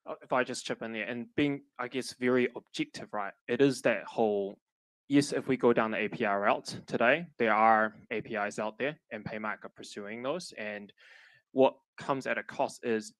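A man's voice: medium pitch, moderate pace, fairly bright tone, dry recording, poor audio. Thoughtful man chiming in on a panel. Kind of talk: panel discussion. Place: conference stage with audience.

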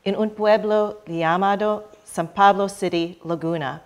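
Slow, halting woman, American-accented Spanish. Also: mid-range voice, steady tone. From Philippines, emigrated to Chicago in childhood. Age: middle-aged. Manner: halting, stumbling over Spanish words, slipping into English. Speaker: guest speaker. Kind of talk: prepared speech read to an audience. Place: indoor conference hall, panel table. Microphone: table conference microphone.

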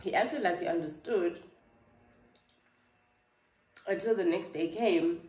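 A woman's voice: fairly low pitch, slow, a little mellow, roomy sound. A South African woman in her twenties telling a storytime vlog in a chatty, filler-heavy way. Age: 20s. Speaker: vlogger. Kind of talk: casual storytime chat.

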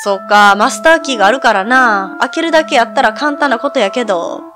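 A woman's voice: fairly high pitch, a little fast, music in the background, natural voice. A woman voicing a brusque, stingy middle-aged man who owns a lodge, speaking blunt Kansai dialect in a video game reading. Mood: gruff.

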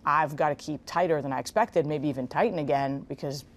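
A woman in her thirties, born in Israel, giving measured, explanatory answers as a guest in a TV interview, with casual fillers, on a lapel mic in a bright room. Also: deep voice. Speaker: guest, investment executive. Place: large bright room with garden windows.

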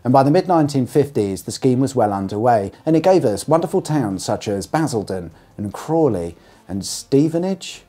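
A British man in his forties talks to camera from a small studio set, sharp and deadpan with sarcastic asides. His voice sits dark and mellow, with a faint husky edge, and a little music plays underneath. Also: medium pitch. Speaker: host. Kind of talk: scripted narration to camera.

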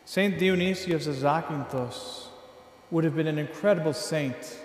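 A man in his thirties, a priest, delivering a sermon from a lectern in a large church, with measured, earnest, emphatic phrasing. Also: on the high side. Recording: echoey church hall from a distance.

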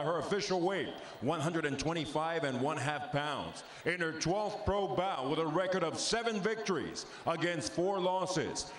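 Echoing, high-pitched showy male fight announcer. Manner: booming, theatrical, stretches out fighters' names. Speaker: ring announcer. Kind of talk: bilingual fight ring announcing in the showy manner of a lucha libre announcer. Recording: echoey arena microphone with loud background noise.

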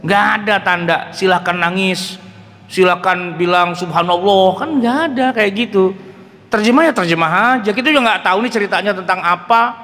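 A middle-aged man giving a joking, animated mosque lecture in slang. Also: high voice, quick pace. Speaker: preacher. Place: large mosque hall. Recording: long hall reverb.

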